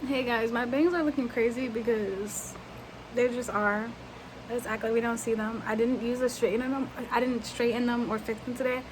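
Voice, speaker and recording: A young woman in her twenties from New York rambles casually through a reading vlog at home, sniffly and congested, recorded indoors on her phone camera. Her voice is a little high, steady, and moderately paced; she's chatty and slangy with rambling asides, and the recording is rough.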